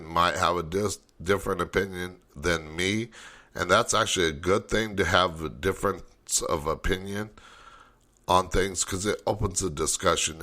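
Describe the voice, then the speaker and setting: A man's voice: low voice, sharp tone. A man hosting a late-night call-in talk show, rambling and thinking aloud as he goes.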